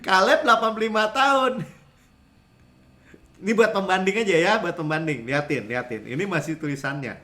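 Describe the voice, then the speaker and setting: A man preaching a sermon as pastor, in a lively conversational way, acting out other people's voices. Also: sits high, moderate pace.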